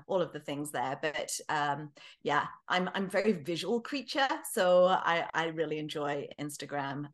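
A middle-aged British woman appears as a guest author on a podcast interview, chatting, laughing often, and searching for words. Her voice is low-pitched and a little bright.

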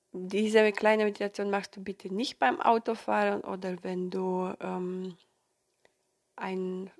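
A woman introduces a meditation as its guide, speaking informally. Her voice is husky and fairly flat in melody. She takes her time over each phrase. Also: medium pitch.

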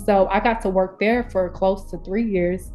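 A woman's voice: mid-range voice, fairly even intonation, normal speed, mellow, faint music behind, poor audio. A woman speaking as a podcast guest, a brand strategist explaining her work in casual, informal conversation.

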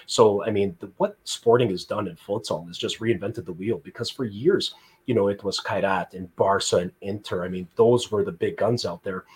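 A man hosting a casual sports podcast, talking in an animated, enthusiastic way. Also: on the low side, normal speed, breathy edge. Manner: animated, enthusiastic, uses filler phrases. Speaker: podcast host.

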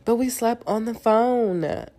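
A young woman hosts a casual solo podcast, her voice a little high, slow, and warm, though congested and nasal from a cold. She chats candidly and swears freely.

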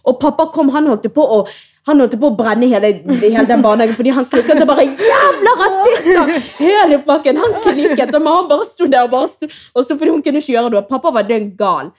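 A young woman co-hosting a podcast, telling stories in lively casual chat, acting out quotes and swearing freely. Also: on the high side. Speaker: podcast co-host.

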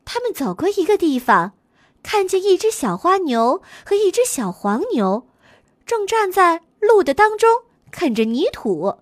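Slow, expressive woman storyteller. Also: very high voice, no room sound, studio quality. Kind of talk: children's story narration.

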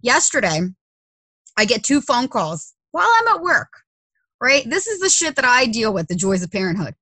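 A woman's voice: a little high, sing-song, normal speed, pushed and bright, slightly rough, dry recording, low-quality recording. A woman in her thirties talking casually, blunt and emphatic, with frequent swearing. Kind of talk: casual conversation.

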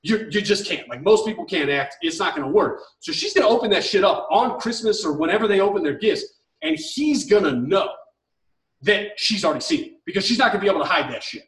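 A man's voice: high voice, expressive, fast talker, fairly bright tone. A man hosting a live advice chat show, ranting in a fired-up, profane way. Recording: roomy echo, a bit far from mic.

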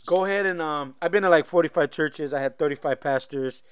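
Relaxed male interviewer from Southern California, friendly questions, smooth and clear. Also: on the high side, fairly quick, no room sound. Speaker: podcast host. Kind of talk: casual interview podcast.

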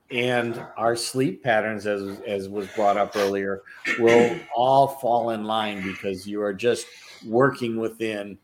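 A man giving a calm, reflective motivational talk about finding your natural flow. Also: mid-range voice, a little hiss or hum.

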